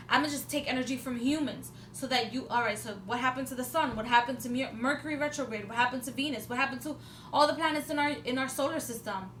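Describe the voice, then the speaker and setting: High and a bit bright, this twenty-something woman's voice carries a long, rambling vlog about spiritual topics. She talks casually to the camera, full of fillers and restarts with an occasional swear for emphasis, and the echoey room has faint background noise.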